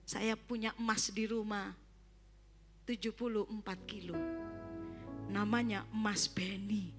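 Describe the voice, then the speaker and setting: A woman's voice: mid-range voice, flat delivery, a little slow, music in the background. A woman pastor, preaching a church sermon in a chatty way with joking asides. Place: church service.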